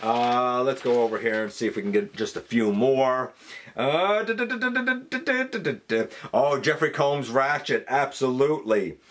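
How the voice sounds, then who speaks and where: A man hosting a fan countdown channel talks in a chatty, casual style, emphatic and enthusiastic, rambling as he thinks out loud and correcting himself along the way. His voice is medium-pitched, at a moderate pace.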